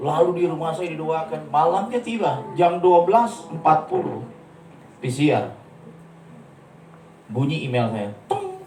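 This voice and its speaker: A man preaching a sermon, telling stories with lively acted-out quotes. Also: fairly high pitch, a little slow, long pauses, echoey room, distant mic, a little hiss or hum, rough recording. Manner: animated storytelling, acts out quotes. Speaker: pastor. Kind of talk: sermon with storytelling. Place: church.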